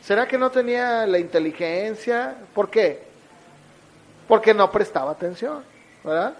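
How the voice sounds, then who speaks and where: A man's voice: high voice, unhurried, poor audio. A man preaching a sermon, teaching through everyday examples and rhetorical questions, and acting out little scenes as he goes. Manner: lively, acts out little scenes with shifting voice.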